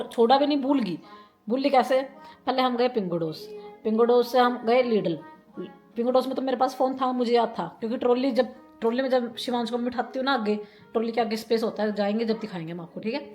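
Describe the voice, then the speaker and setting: A somewhat high-voiced woman from India tells a story in a casual vlog, rambling and repeating herself as she goes. She breaks into laughter often, and faint music plays softly behind her. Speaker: vlogger.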